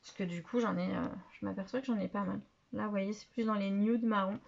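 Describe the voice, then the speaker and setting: A woman vlogger chatting casually about makeup she bought, hesitant with many fillers, trailing off softly as she handles products. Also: mid-range voice, steady tone, fairly quick, gravelly, highs cut off, background noise. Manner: handling products while talking, often trailing off quietly. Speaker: beauty vlogger. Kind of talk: casual haul video chat.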